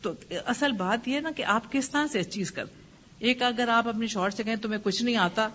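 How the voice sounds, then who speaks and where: A woman religious teacher giving a lecture and answering questions, advising gently through personal stories. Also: a little high, expressive. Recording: muffled lo-fi with faint hiss.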